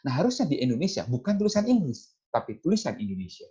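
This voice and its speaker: A man's voice: medium pitch, wildly swooping pitch, fast talker, mellow, lo-fi sound. A man giving a lecture over slides, explaining point by point and dropping "ya" and "nah" between phrases. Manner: explains step by step, often adds "ya" and "nah".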